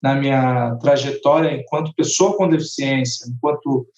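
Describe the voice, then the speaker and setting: A man's voice: mid-range voice, steady tone, normal speed, darkish tone. A man, a rapper and composer, talking thoughtfully in a casual panel conversation, often restarting his phrases. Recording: echoey, muffled online call audio.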